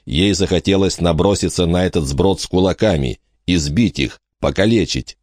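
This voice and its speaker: A man narrating an audiobook in a dramatic, measured reading style. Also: sits low, darkish tone, dry recording, clean studio sound. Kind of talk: scripted narration.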